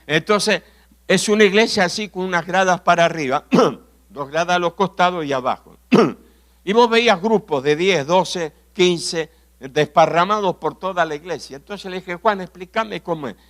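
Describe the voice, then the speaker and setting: A man from Argentina with an Argentine accent preaching a sermon, telling stories, asking rhetorical questions and often clearing his throat. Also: high-pitched, moderate pace, fairly bright tone. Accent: Argentine Spanish. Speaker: pastor.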